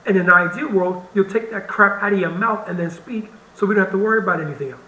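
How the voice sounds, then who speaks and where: A man's voice: high-pitched, fast, bright, forceful tone, reverberant, low-quality recording. A man hosting a reaction video, commenting bluntly and with wry irritation on the clip he plays. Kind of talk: casual commentary over a played video.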